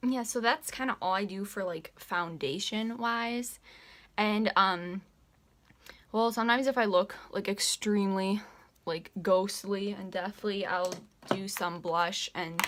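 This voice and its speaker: A woman's voice: mid-range voice, a little slow, a bit bright. Breathless teen girl doing a makeup chat. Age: late teens. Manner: chatty, rambling, many "like" fillers. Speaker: beauty vlogger. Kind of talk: casual makeup tutorial chat. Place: at home.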